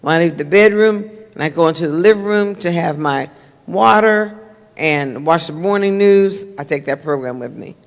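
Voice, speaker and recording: A woman's voice: fairly low pitch, moderate pace. Older woman minister, earnest and conversational, church hall reverb. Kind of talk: sermon-style talk to a congregation. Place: church sanctuary.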